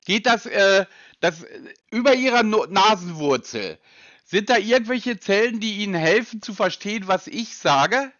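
A man's voice: sits high, lively intonation, normal speed, fairly bright tone, no room sound. A man on a phone call, questioning a sales agent insistently and with sarcasm. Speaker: person being called by a sales agent.

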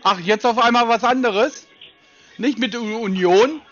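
A man's voice: very high-pitched, a little slow, a bit bright, soft background music. A man on a phone call confronting a scammer, mocking and blunt, frequently cutting in. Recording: muffled lo-fi phone audio.

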